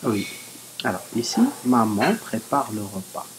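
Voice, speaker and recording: A woman's voice: extremely low pitch, a little slow, slight background noise, poor audio. A woman with a Moroccan accent teaching a primary school French lesson, patiently spelling words out letter by letter.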